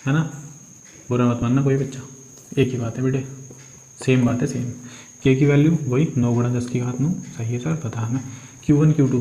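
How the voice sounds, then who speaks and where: Male physics tutor, mellow tone, coaxing self-questioning delivery, echoey room with faint crickets. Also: medium pitch. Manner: coaxing, asks and answers his own questions, calls students beta. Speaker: physics teacher. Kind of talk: working numericals step by step.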